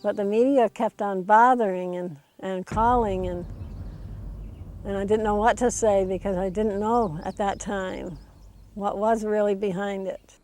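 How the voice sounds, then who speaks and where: Distressed middle-aged woman with flat pitch. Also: a little slow. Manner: distressed, pleading, full of rhetorical questions. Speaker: bereaved mother interviewed. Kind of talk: archival interview clip. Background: music under the voice.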